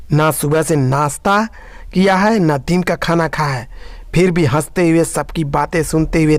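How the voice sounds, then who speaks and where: A sharp-tongued old mother-in-law, as a male narrator puts her on, her voice pushed high and loud as she shouts her threats. She scolds in a shrill, cutting tone, and the recording is close and dry with no room sound. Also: no room sound. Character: stern elderly mother-in-law, sharp-tongued, fiercely protective.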